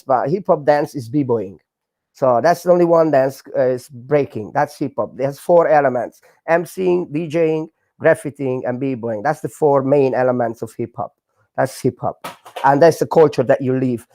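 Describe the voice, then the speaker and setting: A man's voice: mid-range voice, a little mellow, no room sound. Hungarian man in his forties, dry sound. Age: 40s. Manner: halting, many fillers, non-native grammar. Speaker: guest, breakdancer. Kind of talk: casual interview storytelling.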